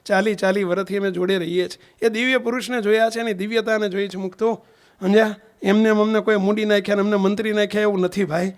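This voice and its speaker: Delivering sermon stories in a Gujarati satsang, the swami mimics the people in his tales and keeps checking whether his audience follows. He talks fast in a high, steady, clear and resonant voice.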